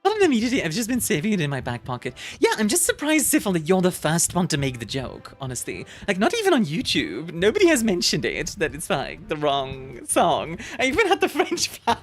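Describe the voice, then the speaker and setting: Her lowish voice swoops wildly in pitch as she talks fairly fast, barely pausing, while faint music plays. She's a Belgian streamer with a British-leaning English accent, chatting casually and reading the live chat. Bubbly and giggly, she fills her talk with fillers.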